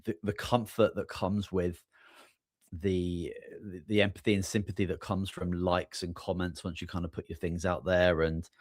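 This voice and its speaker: A man in his forties hosting a podcast, relaxed and friendly, with plenty of fillers. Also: low-pitched, moderate pace, dry recording, clean studio sound. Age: 40s. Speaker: podcast host. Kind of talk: podcast conversation.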